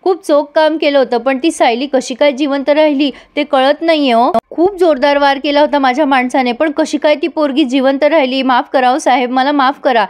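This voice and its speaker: A frightened thug begs his boss for mercy, read by a woman in a high voice. He pleads over and over, nervous and humble. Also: steady tone, a little fast, few pauses, close to an everyday voice. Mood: pleading. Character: frightened male thug begging forgiveness.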